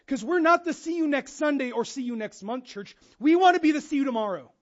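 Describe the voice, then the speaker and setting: Animated high-voiced male pastor preaching. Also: brisk, highs cut off. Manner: animated, acts out quoted voices, jokey asides. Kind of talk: sermon. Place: church.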